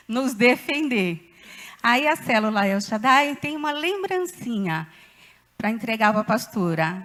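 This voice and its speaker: A woman speaks for her cell group during a church service. Her voice is a little high, and her words are warm and affectionate praise. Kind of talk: public tribute in church.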